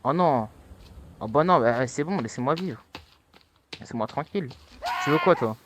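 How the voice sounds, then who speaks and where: A young man giving casual let's-play commentary, taunting and excitable, with sudden high-pitched yelps. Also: moderate pace, background noise. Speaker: gaming youtuber.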